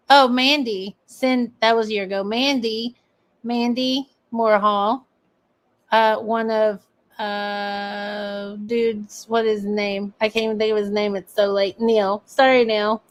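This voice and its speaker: A woman commentator talks in an unhurried drawl, her voice sitting a little high. She is sarcastic and swears freely as she reacts to clips and comments. The sound is close and direct. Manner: profane and sarcastic. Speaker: online commentator.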